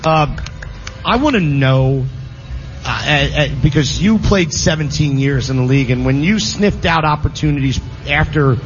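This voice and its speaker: Over background music, a man with a somewhat high voice hosts sports radio at a normal pace. His casual talk is packed with fillers and restarts, and the broadcast audio sounds a bit muffled.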